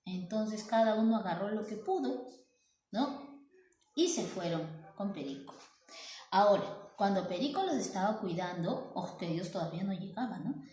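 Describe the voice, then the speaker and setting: A woman telling a story to children, animated and often asking the listener questions. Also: mid-range voice, normal speed. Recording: roomy echo.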